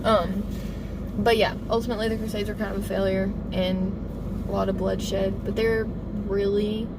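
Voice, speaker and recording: A woman's voice: medium pitch, little pitch movement, normal speed, recorded from a distance. A woman co-hosting a casual vlog, giggly and playful, chatting in a car and outdoors. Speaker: co-host. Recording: loud car and street noise.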